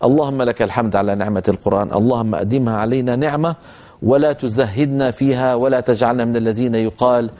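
Older male recitation teacher, warm and unhurried, drawing out example words. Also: medium pitch, fairly even intonation. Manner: explanatory, demonstrates recitation with slow drawn-out examples. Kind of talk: religious lecture.

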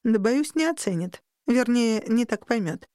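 A woman's voice: on the high side, animated, measured pace, mellow, no room sound, studio quality. Emotional woman reading a novel aloud. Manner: emotional, rising sharply in distress. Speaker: audiobook narrator. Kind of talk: first-person novel narration.

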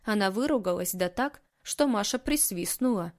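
A woman narrating a story in an even, storytelling manner. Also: mid-range voice, normal speed. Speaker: audiobook narrator. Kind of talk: scripted narration.

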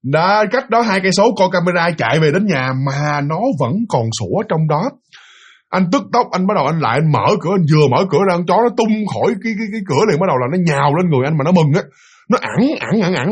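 Fast-talking husky man telling a ghost story. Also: fairly high pitch. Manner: animated, fast, with many restarts and hesitations. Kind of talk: casual spoken ghost story retelling.

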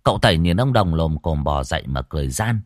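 A man narrates an audiobook story in a deep, low voice with a lively, expressive delivery. His pitch rises and falls a great deal. The recording is dry and close. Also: quick pace, no room sound.

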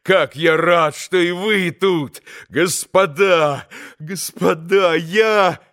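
A feverish young man blurts out loud, stammering exclamations, his voice climbing high and cracking with excitement, as a male narrator puts him on. The delivery is slow and drawn out between bursts, like a man barely holding himself together in a storybook reading. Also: full character voice. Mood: frantic. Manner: shouting, stammering, breathless exclamations. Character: wild, frenzied young man, stammering and exalted.

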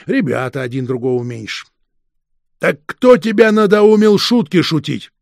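A man reading a crafty detective chief who needles his suspect, swooping from coaxing lows to sharp, raised highs. The voice is raised and gravelly, with a husky edge. It sounds dry and close, as in a studio audiobook. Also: animated, no room sound. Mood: needling. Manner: slow, needling, teasing interrogation. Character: sly, mocking older police detective chief.

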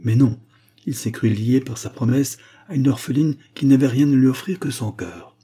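A man voicing a calm, gentle young Venetian noblewoman in an audiobook reading, speaking softly and earnestly. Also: mid-range voice, moderate pace, husky, pitched above the performer's own voice, natural voice. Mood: tender.

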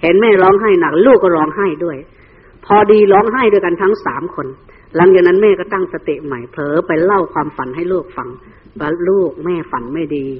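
A man's voice: high-pitched, fairly quick, breathy edge. A man, a Buddhist monk telling a story in a sermon and acting out the figures. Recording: tinny phone-like recording.

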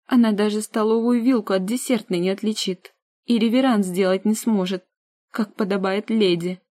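A woman's voice: mid-range voice, fairly even intonation, moderate pace, dark tone, no echo, clean studio sound, close to an everyday voice. A woman voicing a spoiled, capricious young woman who shrieks and sneers at her sister in an audiobook. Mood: indignant shrieking.

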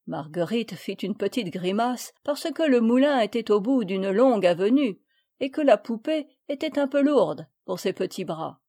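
Mellow-voiced woman narrating a storybook. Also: mid-range voice. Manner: measured, listing items evenly. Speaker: audiobook reader. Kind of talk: scripted narration of a children's classic.

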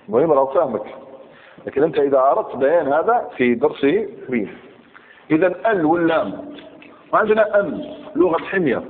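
Middle-aged man, grammar teacher; repeats points and checks students follow; tinny recording with long hall reverb. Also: mid-range voice. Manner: repeats key points and checks understanding with questions. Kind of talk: classroom lesson on grammar.

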